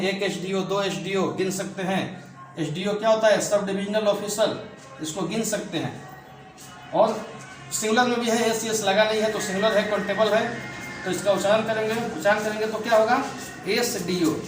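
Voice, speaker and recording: A man's voice: high voice, a little hiss or hum. A man teaching a grammar lesson, asking his class questions and answering them himself. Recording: echoey room, mic at a distance.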